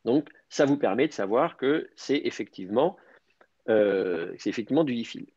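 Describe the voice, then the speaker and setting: Lively-voiced teacher on a dull call line. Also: male voice, mid-range voice, normal speed, husky, no room sound. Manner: explains step by step, thinking aloud with many "euh". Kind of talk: online Hebrew grammar class.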